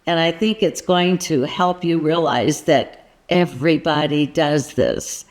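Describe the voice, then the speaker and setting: Speaking in a low, unhurried voice, a woman who works as an artist and art coach chats casually with her viewers. She then narrates her painting process, playfully asking the viewer questions and joking about her own frustration.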